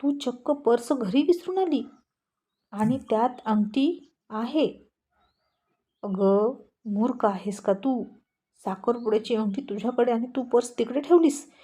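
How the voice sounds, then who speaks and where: A woman's voice: on the high side, unhurried, pauses often, dark tone, husky. A woman voicing an irritated young boss. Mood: scolding. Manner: scolding, exasperated. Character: stern young male boss, easily irritated.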